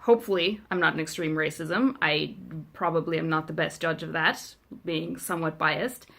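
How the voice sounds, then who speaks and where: Her low voice is gravelly yet bright, with a forceful tone and normal speed. She's a young South African vlogger, Afrikaans by first language, sending a friend a casual video letter full of wry, self-deprecating chatter and plenty of ums.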